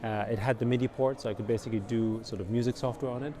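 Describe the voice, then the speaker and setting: A middle-aged man from Austria, a company founder, answering interview questions in a relaxed, rambling way full of fillers. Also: mid-range voice, racing. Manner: relaxed, rambling, many fillers like "you know" and "basically". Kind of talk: conversational interview. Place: outdoors at a busy conference venue. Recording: crowd chatter behind. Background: crowd noise.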